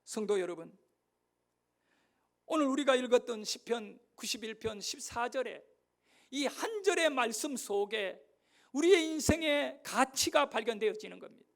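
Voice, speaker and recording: A middle-aged male pastor preaching a sermon fervently, swinging between shouted exhortation and quiet, personal storytelling. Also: very high voice, animated, moderate pace, vocal fry.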